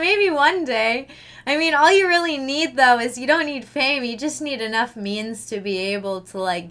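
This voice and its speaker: A young woman from Canada talks loosely to her stream chat. Her voice sits high and sounds bright. She rants with heavy swearing and lots of animation. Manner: swears a lot, ranting, animated. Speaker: streamer chatting with viewers. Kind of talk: casual livestream chat.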